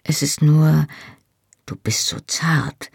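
Woman doing a tender young man in an audiobook, slow and breathy, hushed. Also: low-pitched, animated, no room sound, studio quality, heavily acted. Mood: hushed, earnest. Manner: soft hushed whispering delivery. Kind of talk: audiobook reading.

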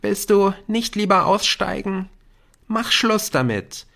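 An anxious, earnest schoolboy, as a male audiobook reader puts him on, pleading and pressing his friend. The voice sits well above the reader's own, lifted high and swinging widely in pitch. It sounds urgent and worried throughout. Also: lively intonation, slow, creaky, a bit bright, heavily acted. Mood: worried, insistent. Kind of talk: audiobook character voice.

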